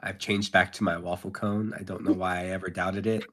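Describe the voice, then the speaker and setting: A man with a fairly low voice plays a tabletop game over an online call. He jokes and teases the table in a casual way. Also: flat delivery, fairly quick, fairly bright tone. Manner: joking, teasing. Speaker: player. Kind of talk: casual tabletop role-play.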